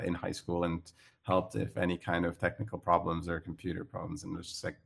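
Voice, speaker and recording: A Swiss startup founder, speaking with a Swiss accent, appears as a guest in a casual interview, hesitant and full of fillers and restarts. His voice sits low and is creaky.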